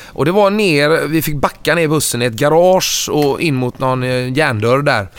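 A middle-aged man, a touring musician, telling anecdotes in a casual, animated way. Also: a little high, clear, resonant tone. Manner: animated, acts out quoted lines in a raised voice.

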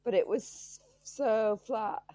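A woman's voice: a little high, slow, warm tone, no echo. A woman co-hosting a casual podcast, sounding sick and tired, with a dry, matter-of-fact wit. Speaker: podcast co-host.

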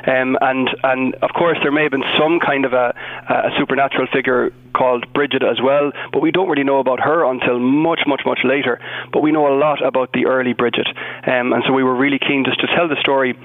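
A man's voice: medium pitch, fairly even intonation, a little fast. Radio interview guest: young male, west of Ireland accent, discursive and conversational, thin telephone-like sound. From Galway, west of Ireland. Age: young adult. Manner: explanatory, discursive. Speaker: interview guest, Dominican friar. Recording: phone-like narrow band.

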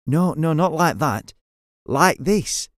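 An earnest, curious space captain from a children's storybook, put on by a male narrator. He calls out in a raised, lively voice, his pitch jumping around a lot, and the sound is close and dry. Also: slow, dry recording. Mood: eager. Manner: eager, slightly raised voice.

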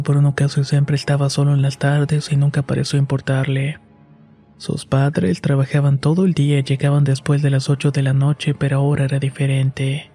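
A man narrating a scripted horror story in a steady, unhurried way. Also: medium pitch.

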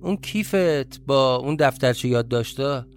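A man voicing a kind, affectionate young woman in an audio drama, speaking in a gentle, coaxing and teasing way. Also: medium pitch, expressive, close to an everyday voice. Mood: chatty.

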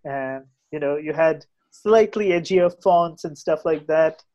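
A man's voice: fairly high pitch, measured pace, a little mellow, muffled recording. A man with an Indian English accent chatting casually and giving opinions as a podcast guest, often repeating and restarting his phrases.

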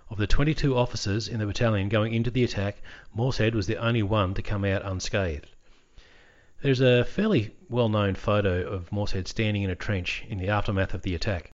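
A man hosts a history podcast, slipping dry, wry asides into his narration. His voice sits fairly low. The audio sounds a little dull and lo-fi. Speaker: podcast host.

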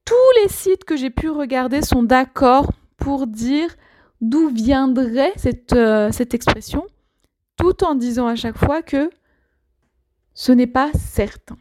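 High-voiced teacher, patient and clear. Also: female voice, lively intonation, darkish tone. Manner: slow, clear and patient, with many fillers. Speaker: French teacher. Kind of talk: explaining an idiom to learners.

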